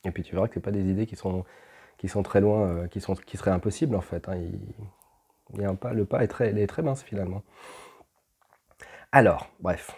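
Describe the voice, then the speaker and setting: A man's voice: deep voice, brisk, long pauses, a little mellow, breathy edge. A man telling a personal story at home in a casual, rambling way, with many fillers and restarts. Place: at home, with pets.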